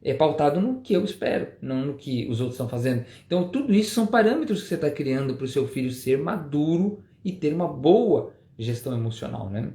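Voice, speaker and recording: A man's voice: fairly high pitch, sing-song, fairly quick, few pauses, mellow, roomy sound. A man co-hosting a parenting talk, explaining things in a casual way with lots of tag questions. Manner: explanatory, many "né?" tags. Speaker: parenting show co-host, father. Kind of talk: casual couple conversation.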